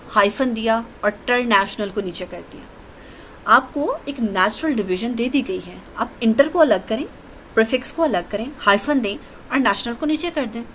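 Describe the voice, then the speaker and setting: A woman's voice: a little high, fairly bright tone, slight background noise, low-quality recording. A woman teaching an English lesson, explaining each rule step by step with patience. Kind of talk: recorded classroom lecture.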